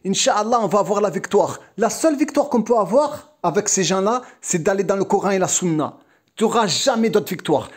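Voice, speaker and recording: Male vlogger, high voice, agitated and repetitive. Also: darkish tone, slightly rough. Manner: agitated, repetitive, frequent restarts. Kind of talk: heated vlog monologue.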